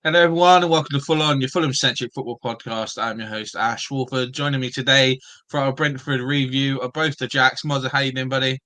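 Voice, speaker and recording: A man's voice: mid-range voice, level tone, brisk, bright, forceful tone, a little hiss or hum. A man hosting a football podcast in a casual, chatty presenting style. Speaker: podcast host.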